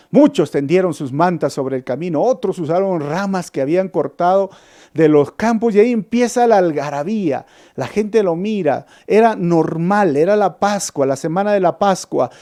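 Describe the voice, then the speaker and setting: A man's voice: on the high side, dark tone. A man with a Peruvian Spanish accent, teaching a Bible study sermon as pastor, acting out the quoted lines and putting questions to his listeners. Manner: dramatizes quotes, asks the audience questions.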